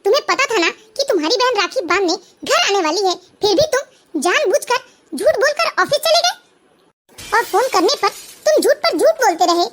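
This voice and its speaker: A woman's voice: very high voice, very animated, moderate pace, fairly bright tone, a little hiss or hum, exaggerated voice. A woman voicing a stern, scolding middle-aged mother-in-law in a cartoon family drama. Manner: scolding, interrogating.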